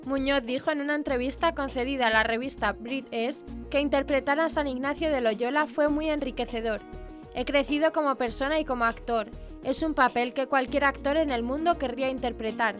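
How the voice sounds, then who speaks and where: A woman with a high voice presents scripted news, reading in a formal bulletin narration style slightly on the fast side, with faint music playing beneath her.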